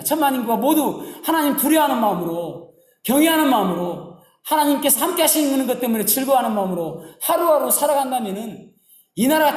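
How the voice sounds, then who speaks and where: A man preaching a Sunday sermon as pastor, mixing stories and scripture in an animated style, in an echoey church hall. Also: very high-pitched.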